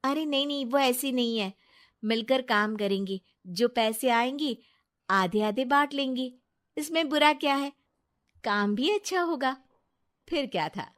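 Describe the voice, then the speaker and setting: A woman voicing a trusting young wife in a cartoon story, speaking brightly and emphatically. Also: high voice, a little slow, pitched above the performer's own voice. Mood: cheerful. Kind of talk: Hindi cartoon voice acting.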